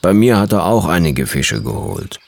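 A man's voice: sits low, very animated, moderate pace, creaky, heavily acted. A man doing a shrugging, resigned neighbor. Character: resigned middle-aged male neighbor.

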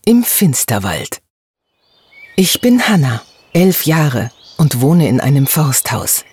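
Expressive children's-story narrator, first-person telling, wide lively pitch. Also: slow, slightly rough, no room sound. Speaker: audiobook narrator.

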